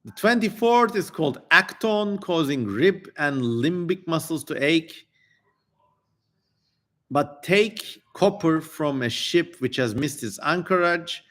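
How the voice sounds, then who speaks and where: A man with a fairly high, fairly bright voice reads an ancient text aloud on a live stream. He hams up the strange names dramatically and breaks off for casual, irreverent asides full of swearing.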